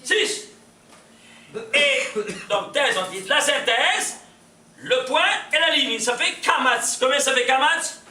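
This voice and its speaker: Animated high-voiced man lecturing. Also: slow, long pauses. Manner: quizzes audience, animated, laughs often. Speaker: rabbi teaching. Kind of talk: lively Torah lecture. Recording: echoey room from far off, faint hiss.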